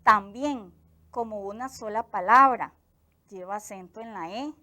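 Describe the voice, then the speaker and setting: A woman teacher from Costa Rica with a Costa Rican accent, giving a clear, explanatory grammar lesson for television. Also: mid-range voice, bright, forceful tone. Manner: slow, clear explanatory delivery.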